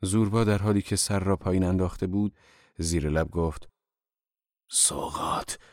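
A man narrates a literary audiobook in a calm, measured way. His voice is deep and low, and the recording is close and dry with no room echo.

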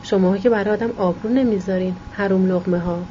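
A woman voicing a stern, harried mother who scolds her children in a hushed voice. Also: medium pitch, steady tone, lo-fi sound, slight background noise, lightly acted. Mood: scolding.

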